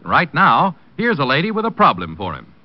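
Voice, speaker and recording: A man's voice: fairly high pitch, wildly swooping pitch, moderate pace. An American man speaking as an old radio announcer, giving scripted programme and sponsor billing. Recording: muffled old radio recording, music behind.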